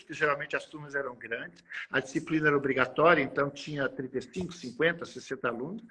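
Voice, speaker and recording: Bright-voiced Brazilian man, emphatic and chatty. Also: fairly high pitch, low-quality recording. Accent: Brazilian Portuguese. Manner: chatty, emphatic, repeats phrases for effect. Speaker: literature professor. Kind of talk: casual panel talk.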